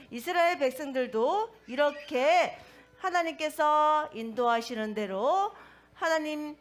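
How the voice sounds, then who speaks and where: A woman giving a sermon to toddlers in a sing-song way, asking the children questions. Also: high voice. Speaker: children's pastor.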